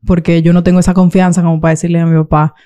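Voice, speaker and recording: A woman's voice: lowish voice, rapid-fire. A young Dominican woman with a Dominican accent, chatting as an interview guest and acting out quoted voices. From Dominican Republic. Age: young adult. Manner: animated, acts out quoted voices, laughs often. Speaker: guest YouTuber. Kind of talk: casual interview talk.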